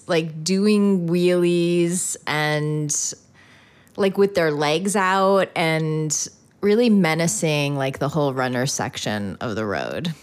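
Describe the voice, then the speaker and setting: A woman co-hosting a casual advice podcast, telling stories with lots of laughter and acted-out reactions. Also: on the low side. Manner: animated storytelling, laughs often, mimics herself. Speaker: podcast co-host. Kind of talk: casual chat.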